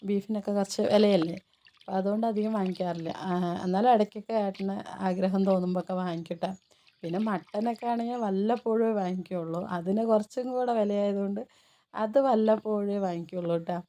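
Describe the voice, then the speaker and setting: A soft, slow-speaking woman with a Palakkad Malayalam accent narrates her home vlog in a relaxed, chatty voice-over. Her voice is dark and mellow, a little strained by a sore throat. A faint hiss of noise sits under the recording. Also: medium pitch. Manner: speaks softly and slowly; chatty, ends sentences with little tag words. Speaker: cooking and home vlogger.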